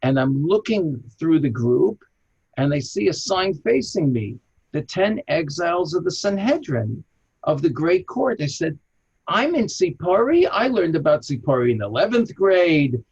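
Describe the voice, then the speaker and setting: Calling in remotely from home in an old city, a Chicago-born rabbi and archaeologist tells animated anecdotes in reply to an interviewer, his pitch leaping lively as he goes. His delivery is slightly slow, and the line sounds muffled, husky and lo-fi.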